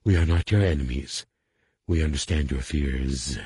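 A man voicing a rough reptilian alien warrior woman. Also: very deep voice, moderate pace, a little mellow, no room sound, studio quality, full character voice. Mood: solemn. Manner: formal, refers to herself as this one. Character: rough-voiced reptilian female alien warrior, calm and solemn. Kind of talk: audiobook character voice.

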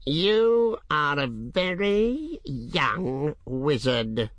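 A man voicing an ancient, cunning male dragon with a great dry voice, speaking slowly and coaxingly. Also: a little high, big pitch swings, a bit bright, no echo, voice pushed up, exaggerated voice. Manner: slow, coaxing, drawn-out words.

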